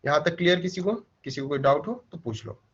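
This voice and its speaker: A man teaching an online trading class, explaining step by step with rhetorical questions and asking if it is clear. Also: on the high side, expressive, a little fast, a bit bright, muffled recording. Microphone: mic placed close.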